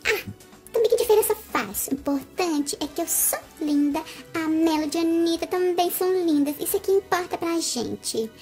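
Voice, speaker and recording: A patient middle-aged talk-show hostess, played by a woman, calming and scolding a rowdy guest in a motherly tone. The voice is very high with a lively, sweeping melody, and faint music sits behind it. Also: normal speed. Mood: exasperated. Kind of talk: doll play-acting a TV talk show.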